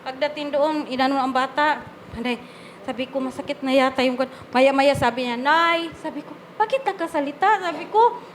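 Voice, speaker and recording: An older woman, a grandmother, telling a church testimony in an emotional, animated way. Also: sits high, normal speed, a little hiss or hum. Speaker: church member giving testimony. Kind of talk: spontaneous spoken testimony.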